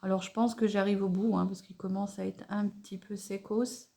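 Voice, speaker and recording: A woman with a mellow, creaky mid-range voice chats casually through a makeup tutorial as a beauty vlogger, narrating each step at a moderate pace in a flat delivery. She's natural and unpretentious, speaking in a hesitant, stop-and-start way full of stammers and self-corrections.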